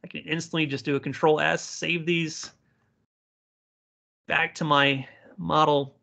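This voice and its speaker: A man giving an informal live software tutorial, speaking to learners directly and encouragingly as their instructor. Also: fairly high pitch, level tone, measured pace, vocal fry. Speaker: software instructor, community presenter.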